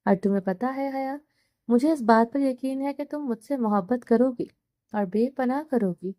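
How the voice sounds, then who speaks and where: A woman's voice: a little high, warm tone, no room sound, studio quality, natural voice. A woman voicing an arrogant young male mafia boss in an audio novel, mocking and emphatic. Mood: teasing.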